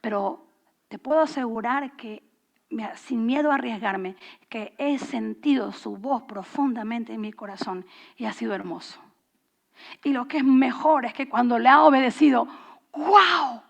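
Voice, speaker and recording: Middle-aged woman pastor preaching, high voice with gravelly fry, tells stories, acts out the voices. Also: normal speed. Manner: storytelling, animated and conversational, acting out dialogue. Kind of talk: sermon.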